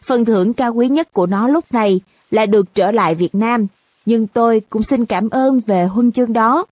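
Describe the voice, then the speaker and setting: A woman reading a wry, deadpan father. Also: a little high, normal speed, dry recording, clean studio sound, close to an everyday voice. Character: teenage girl's father, dry witty man.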